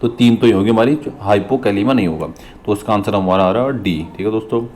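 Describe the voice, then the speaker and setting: A man with a low, mellow voice works through nursing exam questions. He reads the English question slowly, then explains it in Hindi, repeating key terms and checking in with viewers as friends. A faint hiss sits under the recording. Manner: addresses viewers as friends, frequent "theek hai" check-ins.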